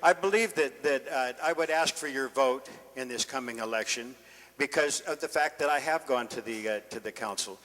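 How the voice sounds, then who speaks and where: An older man from Northern California, a city council candidate, gives an informal campaign speech in an indoor meeting room. The echoey room adds a long reverb to his bright voice, which has a medium pitch and a moderate pace.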